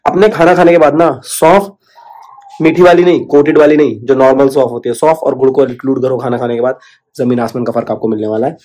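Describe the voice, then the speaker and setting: A man with a mid-range, somewhat dark voice talks fast in a steady tone. He's a vlogger at home indoors, chatting casually to the camera, sharing tips and calling his viewers brother.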